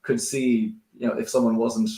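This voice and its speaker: A man's voice: mid-range voice, level tone, normal speed, warm tone. A man on a football podcast panel, asking questions in a hedging, casual way. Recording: roomy echo.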